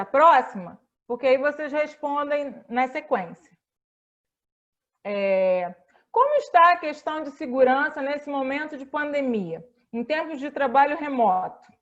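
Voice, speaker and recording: High-voiced Brazilian woman moderating. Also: expressive, normal speed, fairly bright tone, dull audio. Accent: Brazilian Portuguese. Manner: earnest, repeats "né?" often. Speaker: moderator and librarian. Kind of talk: online panel moderation.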